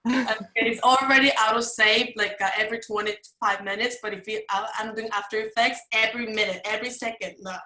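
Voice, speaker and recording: A bright-voiced woman in her twenties, from Mexico, chats loosely on a video call and strings her thoughts together with plenty of fillers. Her voice comes through with a roomy echo. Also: a little high, steady tone, a little fast, hardly any pauses. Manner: chatty, rambling with many fillers. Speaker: advertising student. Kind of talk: casual video call chat.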